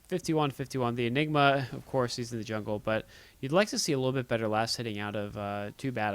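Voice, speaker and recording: Guy casting a video game match live, big booming voice, clean close sound. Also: a bit bright, no room sound. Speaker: esports play-by-play caster.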